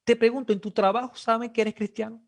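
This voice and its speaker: This is a preacher in full sermon mode, voice pitched in an ordinary middle range, throwing question after question at the listeners. The delivery is animated and emphatic, with sudden exclamations punching through the storytelling. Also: fast. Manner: animated, rhetorical questions to the congregation.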